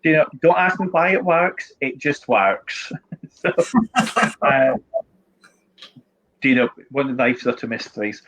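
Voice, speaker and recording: A man's voice: medium pitch, unhurried, long pauses, a bit bright, highs cut off. A man with a strong Scottish accent giving informal, matter-of-fact tech advice as a guest, with a wry touch. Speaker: IT support director, guest. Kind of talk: informal explanatory talk with tips.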